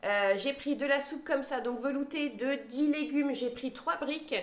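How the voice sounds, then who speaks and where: A woman in her thirties with a voice that sits high talks at normal speed in a roomy-sounding space. Chatting casually to her phone camera at home, she goes through her grocery haul one item at a time, with lots of hesitation fillers.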